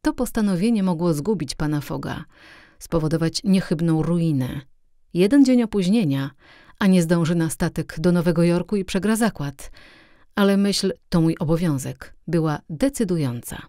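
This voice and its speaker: A woman reads a classic adventure novel aloud as an audiobook, telling it steadily and with expression. Her voice sits fairly low and sounds mellow. The recording is close and dry. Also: expressive, normal speed, dry recording. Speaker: audiobook reader. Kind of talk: audiobook narration.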